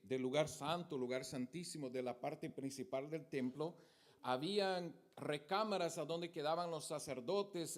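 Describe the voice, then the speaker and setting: High-pitched guy preaching in church, telling the story vividly as he points to pictures on a screen. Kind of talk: sermon.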